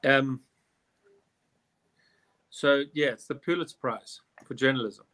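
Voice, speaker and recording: A man's voice: medium pitch, slow, a bit bright. A man, hosting a live online quiz in a chatty, rambling way with jokey asides. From South Africa. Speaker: quiz host. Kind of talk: casual live quiz chat.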